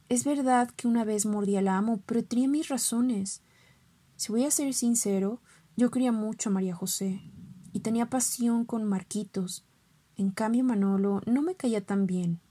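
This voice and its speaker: A woman reading a children's audiobook aloud, telling the story in the first person as a dog, with lively expression. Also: medium pitch, slightly rough. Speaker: audiobook reader.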